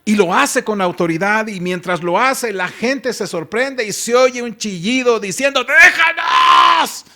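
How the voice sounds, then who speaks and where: A man's voice: high voice, moderate pace, few pauses, fairly bright tone. A man, preaching a sermon as pastor and putting rhetorical questions to the congregation.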